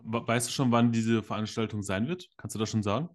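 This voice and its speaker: A man's voice: on the low side, brisk. A man hosting a podcast, asking questions in a casual, upbeat, chatty way. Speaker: podcast host. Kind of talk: casual interview chat.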